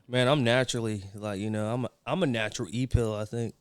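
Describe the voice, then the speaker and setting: A man's voice: mid-range voice, steady tone, fast talker, smooth, dry recording, clean studio sound. A man guesting on a podcast as a musician, easygoing and laughing in casual chat.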